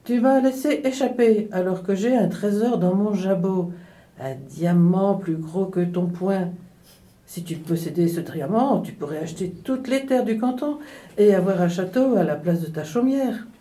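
A woman's voice: mid-range voice, moderate pace, lightly acted. A woman voicing a clever little nightingale who teases a foolish man. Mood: teasing. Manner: lively, teasing.

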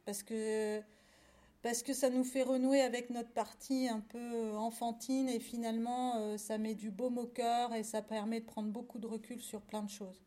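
A woman chatting enthusiastically about children's picture books, then reading one aloud with expressive storytelling. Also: on the high side, normal speed. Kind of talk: casual chat and reading a picture book aloud.

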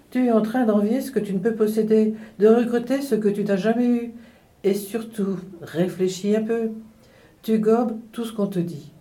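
A woman's voice: mid-range voice, natural voice. A woman voicing a clever little nightingale who teases a foolish man. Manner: lively, teasing.

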